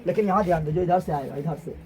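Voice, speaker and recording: A male teacher, giving an animated classroom lecture and firing repeated questions at his students. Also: a little high, rapid-fire. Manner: animated, repetitive questioning, colloquial Hindi with regional forms. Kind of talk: classroom lecture with call-and-response.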